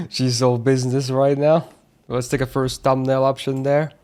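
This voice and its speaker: A man's voice: mid-range voice, a little slow, a little mellow. A young man streaming a visual novel, reading its text aloud and joking between lines. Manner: casual, joking, reacts with laughs. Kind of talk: gameplay commentary and reading game text aloud.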